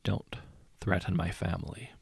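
A man voicing a protagonist who speaks with deep, restrained anger in a storybook. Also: very animated, moderate pace, a little mellow, no echo, studio quality. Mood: cold anger.

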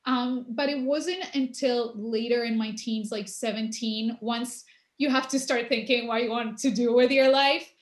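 A young woman who grew up in Argentina, a musician answering interview questions in an unhurried way with many pauses. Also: on the high side, steady tone. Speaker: guest musician. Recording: roomy echo.

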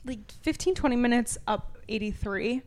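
A woman's voice: on the high side, normal speed, a little mellow, slight background noise. A woman co-hosting a podcast, chatting casually and telling a long story full of "like" fillers, often acting out what other people said. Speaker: podcast co-host. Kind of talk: casual chat.

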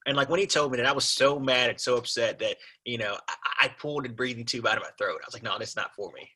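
A young man with a raspy voice, telling his story as a podcast guest in a laid-back, rambling way. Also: medium pitch, fast, bright, forceful tone. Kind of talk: casual conversation.

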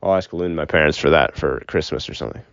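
Low-voiced young man recording inside a closet. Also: fast talker, gravelly, fairly bright tone, clear, resonant tone, no echo. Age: young adult. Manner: rambling, opinionated, sprinkled with swearing. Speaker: solo sports podcast host. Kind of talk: casual sports commentary. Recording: muffled closet recording, dull and dry.

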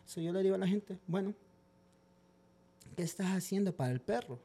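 A man's voice: high-pitched, lively intonation, moderate pace, warm tone, breathy edge. A man guest, a dog trainer, telling stories animatedly in casual podcast talk and mixing in English words.

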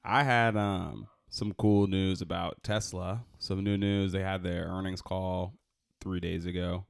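Podcast co-host, man, deep voice, lively casual banter that turns animated. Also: measured pace, vocal fry. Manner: animated, laughing, rising pitch when excited. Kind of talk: casual chat. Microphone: headphones and studio mic.

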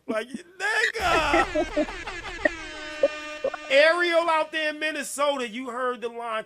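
A man hosting a casual late-night podcast, excitable and quick to burst into laughter and loud outbursts. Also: very high voice. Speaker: podcast host.

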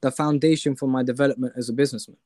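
A man's voice: medium pitch, fairly even intonation, rapid-fire, darkish tone, no echo, studio quality. A young man with a London roadman accent chatting casually and telling personal stories in slangy street talk full of tag questions. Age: young adult. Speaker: podcast guest.

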